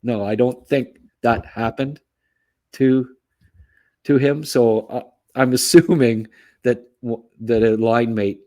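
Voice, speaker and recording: Speaking slowly in a medium-pitched, steady and somewhat mellow voice, a man co-hosts a sports podcast. His hockey commentary is relaxed and chatty, peppered with "eh" and his own chuckles at side remarks.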